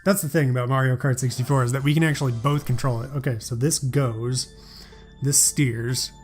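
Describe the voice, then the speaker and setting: A man's voice: mid-range voice, fairly even intonation, brisk, faint music behind. A man in his thirties casually commentating as he plays, explaining things playfully as the host. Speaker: host of a family gaming show.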